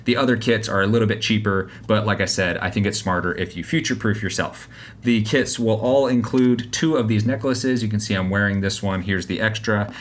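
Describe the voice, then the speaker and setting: A man's voice: lowish voice, fairly quick. A man giving a casual, explanatory product review to camera, speaking informally into a small clip-on wireless microphone. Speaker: tech reviewer. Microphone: small wireless clip-on mic on chest. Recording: clip-on wireless mic, clear background noise.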